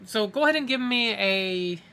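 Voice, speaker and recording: Bright, higher-voiced man running a tabletop game. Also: expressive, moderate pace, clean tone. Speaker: game master. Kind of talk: narrating and chatting in a tabletop game.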